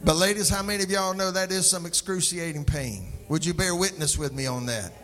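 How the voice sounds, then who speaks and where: High, bright-voiced man preaching in sing-song. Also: brisk, big-room sound. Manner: call-and-response, sing-song preaching cadence. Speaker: pastor. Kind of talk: preaching a sermon.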